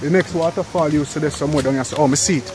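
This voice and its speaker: A young Jamaican man with a fairly high, rapid-fire voice vlogs into a handheld phone while walking a rural hillside road outdoors. Chatty, he calls his viewers "peeps" and "guys," mixing the walking vlog with street interviews. The phone audio has clear background noise.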